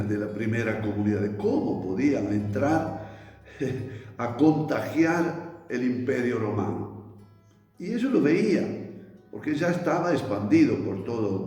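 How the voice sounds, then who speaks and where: A man slowly teaching a Bible lesson in a reflective way, with many restarts and pauses. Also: fairly low pitch, dark tone. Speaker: priest teaching a Bible study. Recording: echoey hall with faint music.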